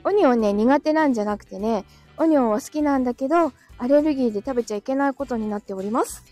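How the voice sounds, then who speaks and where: A woman's voice: high voice, fast talker, mellow, soft background music. A woman hosting a casual live audio stream, chatting, reading out listener comments and laughing often, with a dry throat.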